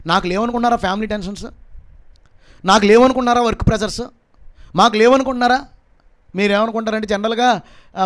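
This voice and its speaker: A man's voice: sits high, a bit bright. A man pastor preaching a sermon with a Telugu accent, emphatic and full of rhetorical questions.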